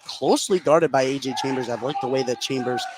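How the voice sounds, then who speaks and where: Calling a basketball game live, this American commentator talks a little fast in a mid-range voice. Clear gym noise and the ambience of a sports venue sit behind his play-by-play.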